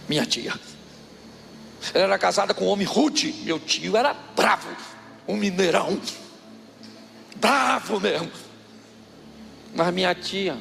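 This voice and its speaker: A male pastor telling a lively, humorous story in a sermon. His voice sits high for a man and has a gravelly, fried texture. He acts out the scenes as he goes. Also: slight background noise.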